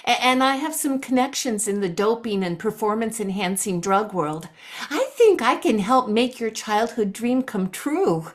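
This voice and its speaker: A woman's voice: on the high side, expressive, measured pace. A woman playing a chatty, meddling Tooth Fairy in an improvised comic scene, over a video call. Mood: earnest. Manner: chatty, gossipy, nosy.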